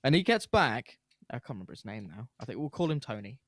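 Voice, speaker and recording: A man's voice: mid-range voice, very animated, fast talker, fairly bright tone, no echo. Laid-back man, dry close mic. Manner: rambling, laid-back, frequent fillers. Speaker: podcast host. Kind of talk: casual chat, storytelling.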